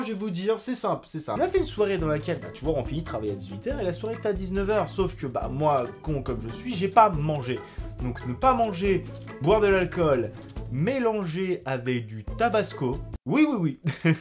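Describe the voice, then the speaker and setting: A man in his twenties telling a personal story to his viewers in a casual, slangy way, swearing often. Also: sits high. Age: 20s. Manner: animated and slangy, with frequent swearing. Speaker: vlogger.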